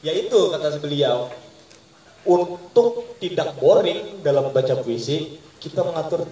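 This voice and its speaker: A man's voice: on the high side, animated, measured pace, mellow. A man leading an informal poetry reading workshop, quizzing the group in call-and-response. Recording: echoey room, mic far off.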